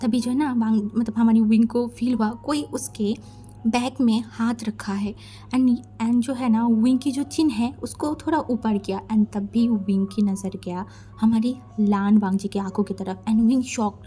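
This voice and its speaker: A woman's voice: on the high side, unhurried, warm tone, husky, soft background music. A woman casually narrating a fan fiction story in a chatty, conversational way. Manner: chatty, conversational, mixing in English words.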